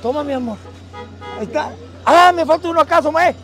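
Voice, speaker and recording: This is casual street campaigning: a middle-aged man, northern Mexican accent, calling to people passing on a dusty neighborhood road and using affectionate slang. The voice is very high and brisk, fairly bright in tone, with soft music behind it. A phone held a few meters away recorded the noisy outdoor scene.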